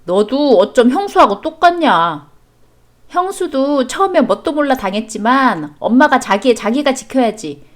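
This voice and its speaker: A woman's voice: sits high, very animated, moderate pace. A woman voicing a defensive young husband in a storybook chat drama, talking back with a sneering edge. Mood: apologetic.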